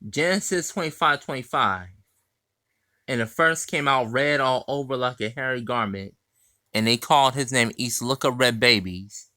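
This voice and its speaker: A man's voice: medium pitch, moderate pace, bright, forceful tone, no room sound. A man who cites chapter and verse, reads passages aloud and comments on them in an insistent way. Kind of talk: scripture quoting and commentary.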